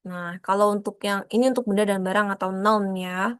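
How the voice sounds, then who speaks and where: A woman's voice: medium pitch, steady tone, brisk, clean tone, dry recording. Woman teacher on a dry-sounding video call, patient and explanatory, repeats her examples. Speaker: Korean language teacher. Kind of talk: online class lesson.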